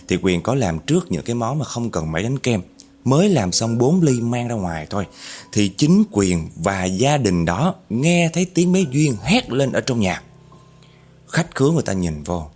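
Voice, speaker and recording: A man narrating a horror story in an animated way, speaking directly to his listeners. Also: on the low side, slightly rough.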